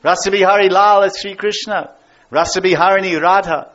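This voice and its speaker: A man's voice: high-pitched, steady tone, brisk, a bit bright. Emphatic preaching man, lo-fi sound. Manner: emphatic, repeats key words and phrases. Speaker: spiritual teacher. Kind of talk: devotional class lecture. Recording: dull lo-fi recording.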